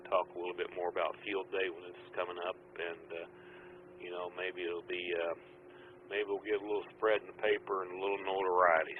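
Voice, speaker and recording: A man running an amateur radio net as net control, talking in an easygoing way with many filler pauses, heard as a radio transmission with static. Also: low voice. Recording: tinny radio with faint static.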